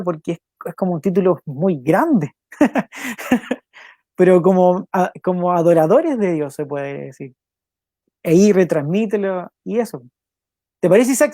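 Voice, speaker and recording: A man's voice: high voice, warm tone, no room sound. A young man hosts a devotional program, talking in an earnest, conversational way and often repeating his points. His voice is recorded close and dry, with no room sound around it. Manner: earnest, repeats phrases, quick asides, laughs now and then. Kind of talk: casual devotional talk and spoken prayer.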